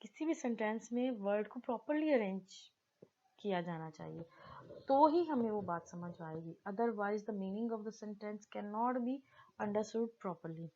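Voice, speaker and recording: Female tutor, deliberate classroom delivery, slightly muffled recording. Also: mid-range voice, expressive, warm tone. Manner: mixes Hindi-Urdu explanation with slowly read English definitions. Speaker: English teacher. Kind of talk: slow explanatory lesson, reading English definitions aloud.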